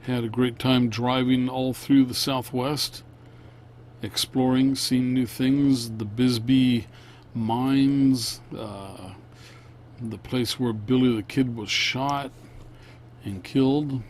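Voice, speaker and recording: A man narrating a casual vlog, unscripted, in a halting, plain-spoken way. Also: mid-range voice, fairly even intonation, a little mellow, slight background noise. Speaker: vlogger.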